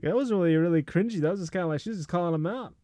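A man's voice: high-pitched, racing, dark tone, no room sound. A man streaming casual reaction commentary, rambling and profane with many fillers.

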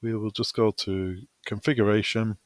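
Here a technical trainer talks himself through a software tutorial step by step, informal and unsure, as though reasoning aloud. His voice is on the low side with little variation in pitch, the pace is moderate, and the recording has no room sound.

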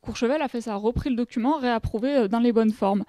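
A fast-talking woman with a fairly high pitch and dark tone comes through in clean studio sound with no echo. She's a French conference speaker in her thirties at a panel table, her explanations full of hesitations and restarts.

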